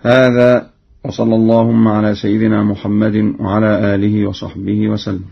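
Slow gravelly guy explaining recitation rules n chanting the verses, muffled old radio sound. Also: on the low side, flat delivery. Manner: slow, deliberate, breaks into chant for cited verses. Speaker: presenter explaining Quran reading variants. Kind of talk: measured explanatory talk with chanted examples. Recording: dull lo-fi archive radio recording.

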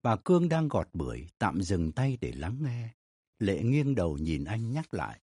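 A man narrating a family story in an expressive, dramatic reading style. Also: lowish voice, moderate pace, slightly rough, no room sound, studio quality.

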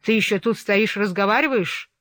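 A reader voicing a harsh, furious middle-aged master of the house who shouts threats, in a storybook reading. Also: medium pitch, normal speed, dry recording, clean studio sound, close to an everyday voice.

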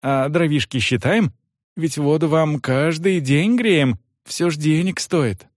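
A man's voice: on the high side, slow, no room sound, clean studio sound, pitched above the performer's own voice. A man voicing a sly, fawning innkeeper who talks in an oily, evasive way. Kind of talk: audiobook character voice.

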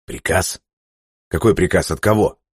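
A man reading an audiobook voices a furious, ruthless male leader who barks orders in a raised, sharp voice. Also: sits low, a little slow, slightly rough, no echo, clean studio sound, voice pushed up. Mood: tense.

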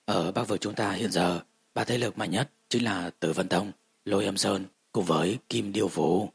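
A man voicing a powerful woman cultivator who serves as advisor, speaking slowly and in a measured way. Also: low-pitched, fairly even intonation, creaky, slightly rough, no echo, full character voice. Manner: slow, measured speech.

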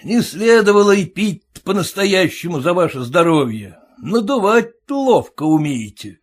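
A man's voice: high-pitched, very animated, measured pace, voice pushed up, full character voice. A man voicing a sarcastic, quarrelsome young groom who mocks his new in-laws in a jeering, indignant way. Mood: resentful.

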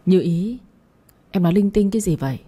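A woman's voice: on the low side, expressive, a little fast, mellow, slightly rough. A woman voicing a shaken young husband who pleads with his wife to hear him out, in an audiobook story. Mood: curt. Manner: pleading, trying to explain.

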